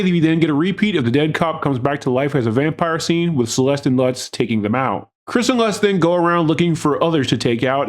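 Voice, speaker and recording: Male recap host, voice a bit high, delivering scripted comic film narration with mocking sarcasm. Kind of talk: scripted comedic review narration.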